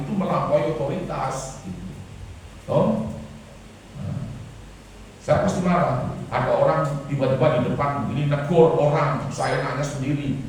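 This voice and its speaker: Emphatic pastor man in an echoey hall. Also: mid-range voice. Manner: emphatic, preaching with sudden loud and soft swings. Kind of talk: sermon. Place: church hall. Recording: very echoey hall, voice from far off, faint noise.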